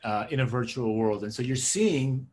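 A middle-aged man, a tech consultant and coach, answers interview questions conversationally as a guest. Born in Israel as a native Hebrew speaker and raised in suburban New Jersey, he has a mid-pitched, slightly mellow voice with a husky edge. He talks at a normal speed, sounds reflective, and repeats phrases for emphasis.

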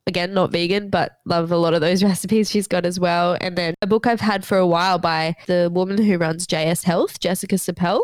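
A woman's voice: on the low side, steady tone, brisk, few pauses, no room sound. A woman podcast co-host chatting casually and reflectively, sounding congested with a head cold and a blocked nose. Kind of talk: casual chat.

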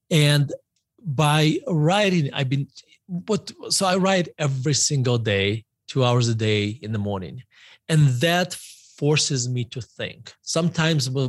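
A man's voice: medium pitch, no echo. Russian-born guy, middle aged, rambling podcast guest, dry close sound. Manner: rambling, self-correcting, repeats words. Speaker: guest author. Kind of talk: podcast interview.

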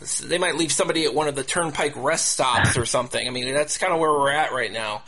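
Over a crowd in the background, a mid-range male voice hosts a laid-back sports talk show. He keeps repeating himself, halting and starting the same phrases again and again as he goes.

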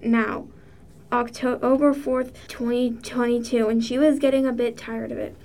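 A woman reading aloud a short spooky story, in a plain, steady storytelling manner. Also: on the high side, measured pace. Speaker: story reader.

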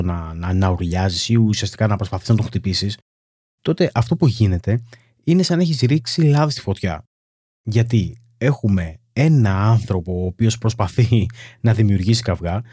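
Calm low-voiced man coaching on anxiety. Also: breathy edge, no room sound, studio quality. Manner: calm, explanatory, steady teaching with lists and examples. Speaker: weight-loss coach. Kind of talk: self-help talk to camera.

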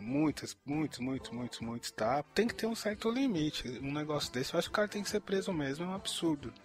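A young man, giving his opinions in a rambling, slangy way as a podcast co-host. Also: medium pitch. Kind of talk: casual chat.

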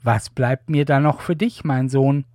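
A man voicing an aged blind patriarch giving blessings, in a solemn, measured reading. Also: mid-range voice, a little mellow, no echo, clean studio sound, natural voice.

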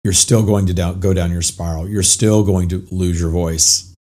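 A middle-aged man speaks low in a badly hoarse voice, raspy and whispery, as though it has almost gone. He delivers an informal motivational monologue in the manner of a coach hosting his own podcast. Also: steady tone, moderate pace, dark tone. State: hoarse, nearly lost voice. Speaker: podcast host and spiritual coach.

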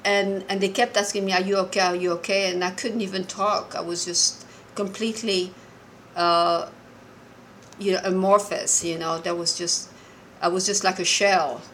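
A woman in her sixties, from Morocco, calling in to a show and telling a personal story earnestly and haltingly, often restarting her sentences. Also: medium pitch, little pitch movement, fairly bright tone, slight background noise, poor audio. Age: 60s. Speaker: caller.

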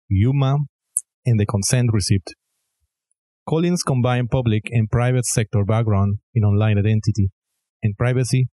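Male podcast host, warm mellow tone, dry close sound, measured and formal. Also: medium pitch, dry recording. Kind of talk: scripted introduction and interview.

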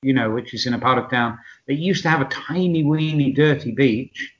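A man's voice: mid-range voice, brisk, a bit bright. A man in his sixties from Essex with a southern English accent, chatting reflectively and hesitantly as an interview guest. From Essex, England. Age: 60s. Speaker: podcast guest. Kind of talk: conversational interview, personal anecdotes. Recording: dull, lo-fi audio.

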